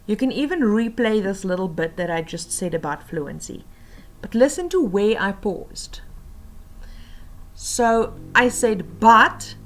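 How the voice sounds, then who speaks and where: A woman teacher explaining tips for oral reading assessments, patiently and with many pauses and fillers. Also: mid-range voice, animated.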